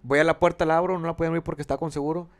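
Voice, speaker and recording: Fast-talking young man from Monterrey. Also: a little high. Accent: northern Mexican, Monterrey. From Mexico. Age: 20s. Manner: slangy, rambling, animated retelling. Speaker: podcast host. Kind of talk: casual storytelling chat.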